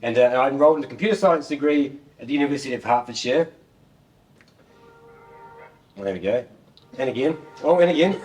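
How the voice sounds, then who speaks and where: The voice is a little high and a little mellow, belonging to a middle-aged New Zealand man giving a loose, joking tech talk in which he pokes fun at himself and repeats words often. A software developer, he stands at a laptop near a screen in a meeting room, recorded from a distance by a room mic.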